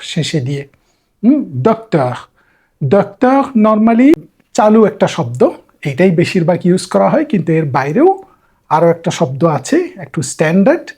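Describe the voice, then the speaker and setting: A man's voice: high-pitched, mellow, slightly rough. A man teaching beginners a language lesson, patiently repeating each word and checking in with the class. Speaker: French teacher.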